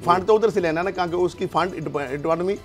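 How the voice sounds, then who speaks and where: With faint music in the background, a man with a Pakistani accent jumps into a heated political exchange, speaking fairly quickly in a high-pitched voice, arguing emphatically with rhetorical questions.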